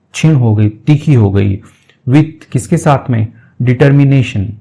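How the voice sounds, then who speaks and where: A male teacher with a mellow, warm voice works through an English passage in a lesson. He reads each phrase slowly and deliberately, then breaks it down word by word with patient explanations. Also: mid-range voice.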